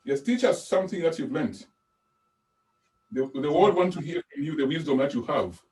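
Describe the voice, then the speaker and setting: A man hosting a live video call, prodding his guests with quick questions. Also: fairly high pitch, expressive, darkish tone. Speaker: host. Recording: distant from the mic.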